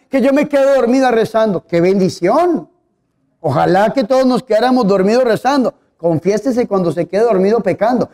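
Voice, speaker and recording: High-voiced male priest preaching. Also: warm tone. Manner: conversational, asks the audience questions, tells humorous anecdotes. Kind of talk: sermon.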